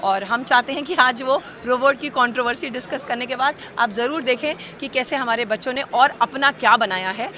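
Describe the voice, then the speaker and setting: A woman representing a university, explaining herself to reporters in a measured way, mixing in English terms. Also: high voice, sharp tone. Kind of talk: press statement to reporters.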